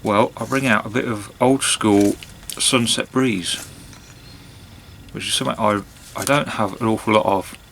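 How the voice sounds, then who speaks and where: Slow, creaky-voiced man, musing. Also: fairly low pitch, fairly even intonation, fairly bright tone, a little hiss or hum. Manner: hesitant, musing, long pauses and trailing phrases. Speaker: pipe-smoking vlogger. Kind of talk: casual monologue to camera.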